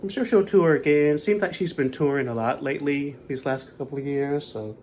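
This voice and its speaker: A man's voice: on the high side, fairly quick, a little mellow, a little hiss or hum. A man in his thirties giving a chatty, rambling recap of a concert he went to. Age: 30s. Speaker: concert vlogger. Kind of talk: casual chat.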